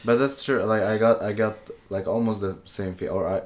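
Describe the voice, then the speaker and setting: A man's voice: lowish voice, steady tone, normal speed. A young man whose first language is Swedish, co-hosting a casual film chat as a film student, often restarting sentences while he searches for the right words. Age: young adult. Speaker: podcast co-host, film student.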